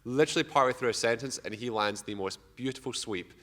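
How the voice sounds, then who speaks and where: Animated Scottish man in a reverberant room. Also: medium pitch, fast talker. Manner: animated storyteller. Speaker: martial arts coach. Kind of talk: casual chat.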